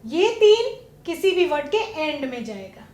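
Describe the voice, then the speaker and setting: High-voiced woman teaching a class. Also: big pitch swings, darkish tone, roomy sound. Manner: slow, drawn-out stress on example words; asks pupils questions and waits. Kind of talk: classroom lesson. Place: studio classroom.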